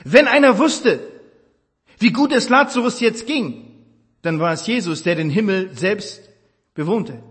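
High-voiced preacher in an echoing hall. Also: male voice, lively intonation, a little slow, pauses often. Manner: impassioned, swinging between loud emphasis and hushed tenderness. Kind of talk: sermon. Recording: reverberant hall.

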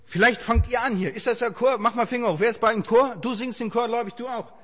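A man's voice: extremely high pitch, fast, fairly bright tone, breathy edge, in a large hall. A man preaching a fervent sermon to a church congregation and addressing the people directly. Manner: fervent, speaks straight to the congregation. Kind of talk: impassioned sermon.

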